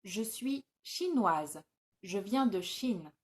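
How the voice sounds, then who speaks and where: A woman's voice: mid-range voice, animated, takes it slowly. A woman reading scripted phrases for a language-learning video, enunciating each short line carefully.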